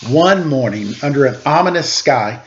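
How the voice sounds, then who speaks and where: This man reads picture books aloud to kids through a computer mic, warming up with relaxed chatter and then performing the text with expression. His mid-range voice has lively intonation and a moderate pace, in playful, informal storyteller style, over lo-fi sound with a bit of hiss or hum.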